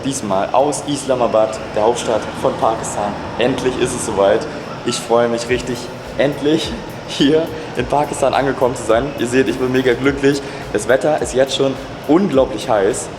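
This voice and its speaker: A man vlogging his travels outdoors in a city, upbeat and excited, piling on intensifiers as he talks to his camera. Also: mid-range voice, moderate pace, roomy sound, over music. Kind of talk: casual travel vlog.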